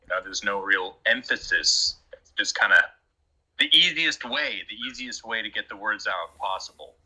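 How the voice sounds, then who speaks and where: Bright, husky-voiced man rambling. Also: lowish voice, normal speed, poor audio. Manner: rambling, emphatic, many restarts. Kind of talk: casual conversation.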